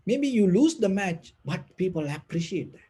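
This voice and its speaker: Man, non-native English speaker, soft breathy voice, mellow tone, slightly high pitch, gentle halting spiritual teaching. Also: big pitch swings. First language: not English. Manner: gentle, halting, with frequent pauses and repeated phrases. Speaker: meditation teacher giving a Dhamma talk. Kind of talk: unscripted spiritual talk.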